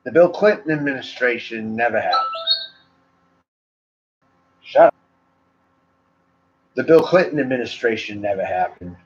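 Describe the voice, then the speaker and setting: A Maine man with a matching accent reviews cigars on a livestream, rambling casually to viewers and leaning on "like" and "you know." His medium-pitched voice has lively intonation, a measured pace and long pauses, heard through dull lo-fi audio.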